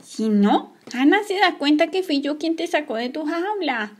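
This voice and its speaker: A woman voicing Emma, a kind, secretive young girl, coaxing her pet gently in a toy story play. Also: sits high, expressive, a little slow. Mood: hurried. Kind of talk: playing with toy figures.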